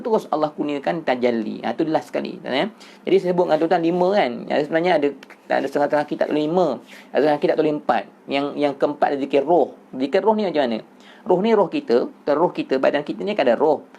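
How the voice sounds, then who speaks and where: Gravelly Malaysian man teaching religion. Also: a little high. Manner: explanatory, punctuates with "ha" and addresses listeners as "tuan-tuan"; lively, repeats phrases for emphasis. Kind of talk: Sufi religious lecture.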